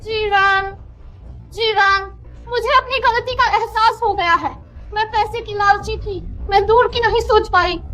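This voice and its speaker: A woman's voice: extremely high pitch, steady tone, a little slow, bright, forceful tone, exaggerated voice. A woman voicing a remorseful young ex-wife who pleads tearfully in a dubbed drama. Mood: pleading.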